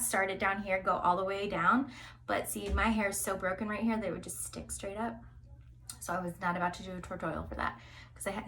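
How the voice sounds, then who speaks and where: A young woman chats her way through a hair tutorial, wandering off on tangents with lots of "um" and "like", now and then sinking into a whisper. Her voice is mid-pitched and sits a little back from the mic. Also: a bit bright, far from the mic. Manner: chatty and rambling, many fillers, drops into whispers. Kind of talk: casual rambling tutorial chat.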